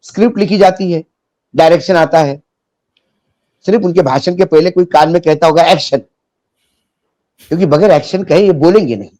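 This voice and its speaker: A man's voice: fairly high pitch, moderate pace, pauses often, mellow, dry recording. A man discussing politics as a guest, biting and sarcastic, mixing in jokes and anecdotes.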